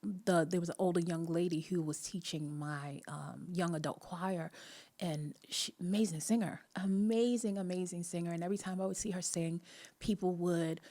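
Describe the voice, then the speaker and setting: A woman hosting a live online talk speaks with a Jamaican accent in a warm, lowish voice, fairly even in intonation and moderate in pace. She tells a personal story earnestly and chattily, a motivational chat broken up by frequent laughter between phrases.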